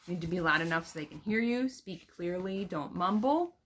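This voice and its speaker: A young woman teacher with a slightly low voice walks students through how to read a picture book aloud to children. She talks in a chatty, explaining way, with plenty of fillers. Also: lively intonation, a little fast, fairly bright tone, a little hiss or hum. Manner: explains then reads aloud with expression.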